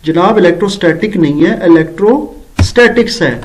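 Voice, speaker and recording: A man with a Pakistani accent talks in a voice pitched fairly high for a man. He hosts a critical review vlog as a teacher, stretching English words out slowly and adding dry sarcastic asides. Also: darkish tone, slight background noise, low-quality recording. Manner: slow, deliberate English words and spelling out mistakes. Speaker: education channel host and teacher.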